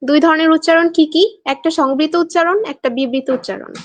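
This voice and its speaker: A woman's voice: high-pitched, fairly even intonation, fast, dry recording. A young woman from Bangladesh teaching an online exam-prep class, quizzing students and reading their answers aloud with a playful, teasing manner.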